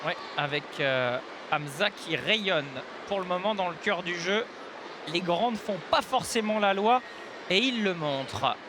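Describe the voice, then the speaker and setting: Male football commentator, very high pitch, excited sports commentary, noisy outdoor ground. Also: a little slow. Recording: clear outdoor stadium noise behind. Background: outdoor ambience of a football match.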